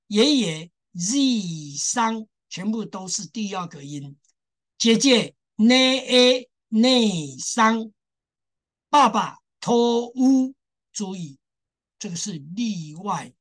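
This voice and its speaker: A woman teaching a language class, patiently drilling sounds, repeating syllables and stressing the exceptions to her students. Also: mid-range voice. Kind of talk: classroom lesson.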